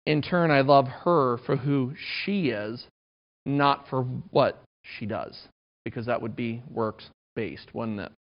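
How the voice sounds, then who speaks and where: A man's voice: mid-range voice, takes it slowly. Conversational male preacher in his thirties. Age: 30s. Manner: conversational, self-deprecating humor. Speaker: pastor. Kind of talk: sermon. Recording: dull lo-fi recording.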